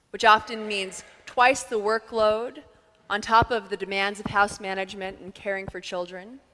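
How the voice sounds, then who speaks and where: Woman preaching in a reverberant church. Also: mid-range voice. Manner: calm, measured preaching with thoughtful pauses. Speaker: pastor. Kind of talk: sermon. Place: church sanctuary. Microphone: headset mic. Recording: long reverb of a church sanctuary.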